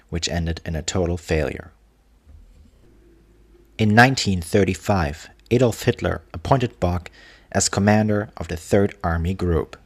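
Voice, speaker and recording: A man with a deep voice and a German accent narrates history from a script. He reads in a measured way as the host, now and then stumbling over a word. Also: slightly rough.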